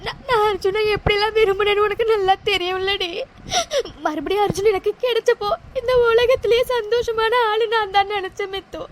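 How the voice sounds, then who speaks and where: A woman's voice: very high voice, brisk, slight background noise. A woman voicing a heartbroken young woman in a cartoon drama, crying and breaking off as she repeats her words. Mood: sobbing.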